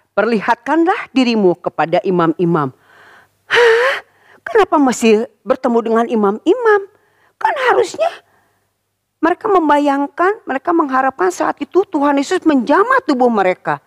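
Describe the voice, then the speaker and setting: A woman teaching Sunday school, telling a Bible story to children in a lively, expressive way and speaking straight to the kids. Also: high-pitched, moderate pace, dry recording, studio quality. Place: church.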